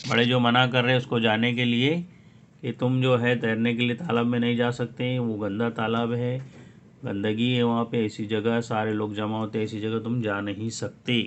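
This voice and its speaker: A man's voice: mid-range voice, monotone, normal speed, dull audio, a little hiss or hum. A man teaching a lesson on an English poem, who reads English phrases and then explains each one in Hindi-Urdu.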